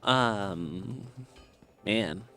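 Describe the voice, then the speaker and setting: A man's voice: fairly low pitch, drawn-out words, bright, forceful tone. Lisping man rambling on a game stream. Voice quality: lisp. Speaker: live streamer. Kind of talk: casual game stream chat and commentary. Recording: music playing under the voice. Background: background music.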